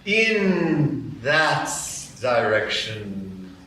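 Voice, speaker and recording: Guy doing sly grinning cheshire cat, super slow, sing-songy. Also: mid-range voice, big pitch swings, bright, forceful tone, a little hiss or hum, exaggerated voice. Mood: teasing. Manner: slow, teasing, riddling drawl. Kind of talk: live radio play acting. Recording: roomy live stage, distant mics.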